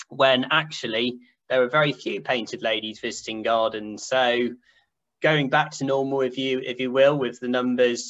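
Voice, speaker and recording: A man presents survey data to a conference over a video call. He talks at a middling pitch and explains things with enthusiasm. The audio is a little dull and muffled. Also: a bit bright. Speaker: survey team speaker. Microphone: video call webcam.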